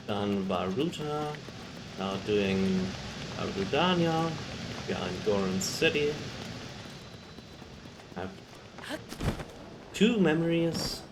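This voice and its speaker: A man hosting a let's play of a video game, giving relaxed commentary and reading the game's text aloud. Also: lowish voice, noisy background. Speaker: gaming channel host. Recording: gameplay commentary over game music. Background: game music.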